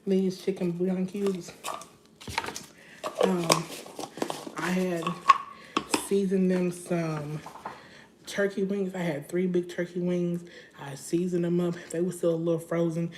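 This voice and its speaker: A woman's voice: fairly low pitch, level tone, slow pace, long pauses, noisy background. A young woman chatting casually to her viewers while she cooks at home on a livestream, talking in a loose, rambling way. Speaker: vlogger cooking on a livestream. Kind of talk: casual live cooking chat. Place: home kitchen.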